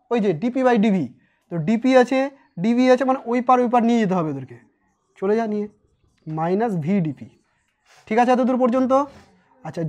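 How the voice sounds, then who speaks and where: A man from West Bengal, India, gives an informal physics lesson at a whiteboard, chatty and teasing as he quizzes students and answers for them. His voice is extremely high-pitched and a little mellow.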